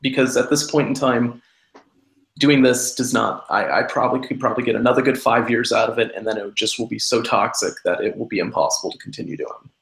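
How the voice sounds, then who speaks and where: A young man in his twenties speaks on a podcast panel. He sounds earnest and a little hesitant, with a gravelly edge to his voice. The recording carries a noticeable roomy echo. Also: medium pitch, fairly even intonation, a little fast, a bit bright. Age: 20s. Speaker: photojournalist panelist. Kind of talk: casual panel discussion.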